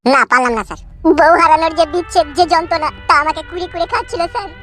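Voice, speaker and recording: A performer dubs a cartoon as a dramatic, self-pitying young husband, aggrieved and wailing long, florid complaints packed with imagery. The voice is very high, bright and forceful, rapid-fire, expressive and heavily acted, with faint music behind it.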